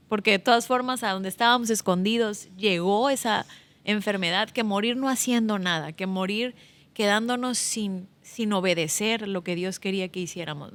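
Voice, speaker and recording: A woman's voice: medium pitch, fairly bright tone. Woman hosting a faith podcast. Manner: conversational, prompting the guest with follow-up questions. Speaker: podcast host. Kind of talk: casual interview chat.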